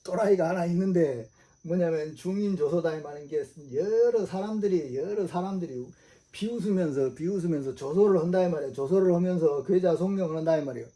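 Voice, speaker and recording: Dark-voiced preacher man. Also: fairly high pitch, brisk. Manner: repetitive, emphatic, with frequent rhetorical questions. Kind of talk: religious sermon.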